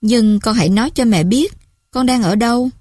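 A woman voicing a worried middle-aged mother, speaking softly and soothingly. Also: fairly high pitch, normal speed, breathy edge, no room sound, clean studio sound. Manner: soft, soothing.

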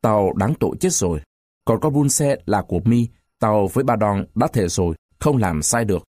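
A man's voice: on the low side, lively intonation, normal speed, darkish tone, no echo, studio quality. A man voicing a grieving old village man, speaking in a solemn, heavy, oath-like way. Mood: grave resolute.

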